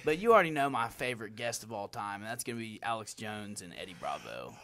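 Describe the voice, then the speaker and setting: A man's voice: lowish voice, sing-song, fast talker, background noise. A young man hosting a podcast in casual chat, laid-back and full of "bro" and "dude". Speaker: podcast host.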